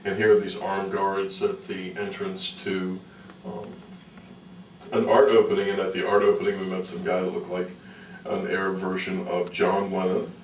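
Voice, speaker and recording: A man telling stories as a radio interview guest, conversational and halting, often repeating words as he thinks. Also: deep voice, level tone, darkish tone. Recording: roomy, noisy, distant-mic radio interview.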